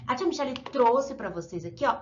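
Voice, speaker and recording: A woman's voice: high voice, lively intonation, darkish tone, muffled recording. A Brazilian woman teaching young pupils, drawing out example words and checking in with them often. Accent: Brazilian Portuguese. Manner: sing-song, drawn-out words, many check-ins. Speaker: primary school teacher. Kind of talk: recorded classroom lesson for children.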